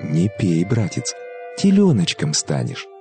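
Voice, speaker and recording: A man voicing a gentle, sorrowful young sister in a folk tale, with a tender, lamenting manner. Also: sits low, wildly swooping pitch, measured pace, soft background music, full character voice. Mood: cautioning. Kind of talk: fairy-tale character acting.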